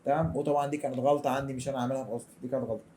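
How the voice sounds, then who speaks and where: A young man with an Egyptian accent gives a chatty, colloquial software tutorial over a screen recording. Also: mid-range voice, steady tone, very fast, a little hiss or hum. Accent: Egyptian Arabic. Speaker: design tutor.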